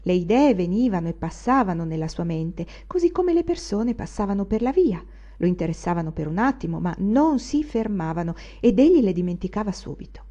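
A woman narrating a literary audiobook in a measured, expressive reading. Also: mid-range voice. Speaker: audiobook reader.

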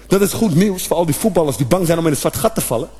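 A man doing a stand-up comedy routine, animated, with sudden shouted outbursts and acted-out noises. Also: fairly high pitch, rapid-fire.

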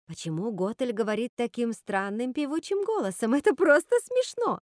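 A woman's voice: on the high side, expressive, normal speed, no room sound, clean studio sound, pitched above the performer's own voice, close to an everyday voice. Woman doing a squealing, giggly witch sister. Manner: squealing, gleeful, mocking.

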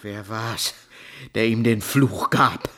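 An actor playing a volatile, scheming younger son in a radio play, with exclamatory, theatrical delivery. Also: male voice, on the low side, takes it slowly, a bit bright. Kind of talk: classic radio play acting.

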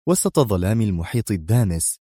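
A male narrator reading a thriller audiobook with a low voice and a lively, rolling pitch. His storytelling is dramatic and expressive, and the recording is dry and close. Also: a little fast, breathy edge, no room sound.

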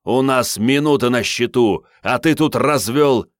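A man's voice: lowish voice, lively intonation, normal speed, no echo, studio quality, lightly acted. A man voicing a middle-aged unit chief, firm and barking orders. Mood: angry.

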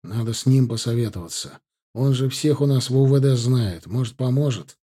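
Man reading as an irritated young husband and son, husky low voice, dark tone, audiobook. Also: normal speed, lightly acted. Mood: exasperated. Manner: irritated, pleading. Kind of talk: audiobook character voice.

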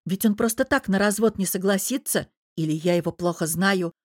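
A woman voicing a lively young female friend who talks briskly and bluntly, full of questions. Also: medium pitch, dry recording, studio quality, lightly acted. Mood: curious.

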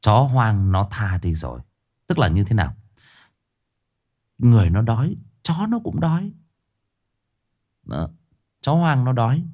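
A man telling a tragic true story to his listeners in a casual spoken style, with sudden high emphatic bursts and low somber drops. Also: very animated, a little slow, long pauses, a little mellow, highs cut off. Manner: addresses listeners directly, casual with restarts.

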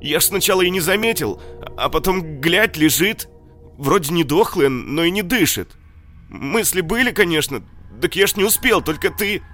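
A man reading an audiobook, voicing a crude adult male looter who shrieks and babbles in a high, shrill, hysterical voice. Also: sing-song, moderate pace, fairly bright tone, soft background music. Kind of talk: audiobook character voice.

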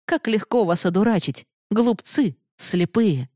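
A woman's voice: mid-range voice, lively intonation, unhurried, dark tone, dry recording, clean studio sound, pitched above the performer's own voice. A woman voicing a proud, passionate young woman who pleads bitterly for love, raised and emotional. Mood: pleading, bitter.

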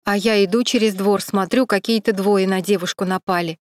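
A woman voicing a male camera operator who talks steadily and tries to calm a crying colleague. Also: medium pitch, a little fast, dry recording, clean studio sound, lightly acted. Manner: steady and soothing.

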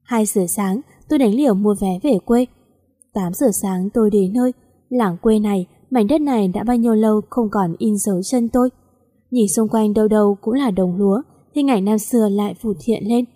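A woman's voice: mid-range voice, moderate pace, dark tone, husky. A woman narrating a story aloud and reading every character's part in one voice. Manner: reads all characters in one voice.

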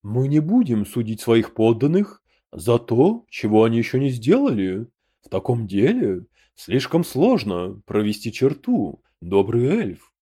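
A man's voice: mid-range voice, big pitch swings, unhurried, mellow, slightly rough. A male narrator voicing a portly, principled human emperor who speaks of himself as "we" in an audiobook. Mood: dignified.

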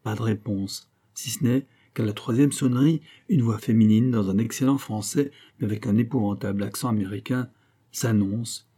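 A man narrating a novel in the first person, in a measured, intimate way. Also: on the low side, dark tone. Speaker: audiobook narrator.

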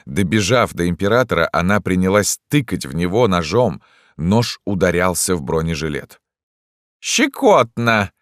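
A man narrating an audiobook in an expressive, dramatic way. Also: deep voice, normal speed, no room sound, clean studio sound.

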